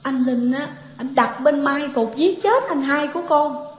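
A woman voicing a distraught young daughter, crying in a high, pleading voice, in an echoey, dull lo-fi recording. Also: measured pace. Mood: tearful.

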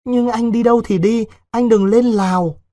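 A man voicing a young peasant servant girl who pleads through tears, in a husky voice. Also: very high voice, steady tone, moderate pace, warm tone, no echo, studio quality, pitched above the performer's own voice. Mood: imploring. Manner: tearful, imploring pleas.

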